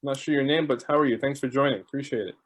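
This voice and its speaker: A man with a medium-pitched voice talks very fast as he runs an online video call. Chatty and joking, he welcomes arrivals one at a time with warm greetings while kidding about stalling for time.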